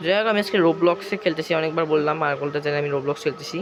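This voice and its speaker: Fast-talking hoarse Bangladeshi gamer guy. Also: a little high, a crowd in the background. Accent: Bangladeshi Bengali. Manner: rambling, chatty, keeps circling back with the same filler. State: hoarse from a cough. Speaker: gaming YouTuber. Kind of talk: casual gameplay commentary.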